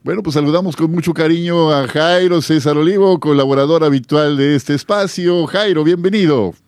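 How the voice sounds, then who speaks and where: Devout Mexican radio host. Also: male voice, fairly high pitch, brisk, no room sound, clean studio sound. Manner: warm, devout, animated greetings.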